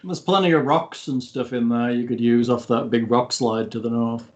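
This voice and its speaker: A man's voice: medium pitch, fairly even intonation, normal speed. A man acting as game master, talking casually with players through a tabletop game.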